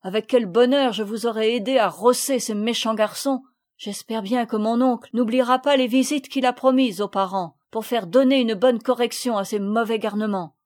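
A woman's voice: on the high side, normal speed, darkish tone, no room sound, studio quality, natural voice. A woman doing a hot-tempered boy. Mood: indignant. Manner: indignant, eager.

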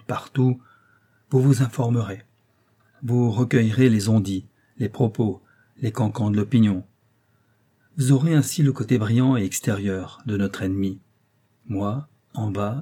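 A man's voice: mid-range voice, dark tone, husky. A man reading the part of a poor young painter who lays out his plan with earnest intensity.

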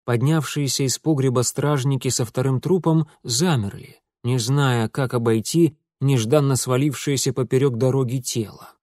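A man narrates an audiobook in a measured, even manner. His voice sits at a middle pitch, and the recording is dry and close. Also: no room sound.

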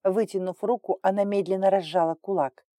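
A woman narrating a fantasy audiobook in an even, measured storytelling manner. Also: medium pitch, dry recording, studio quality.

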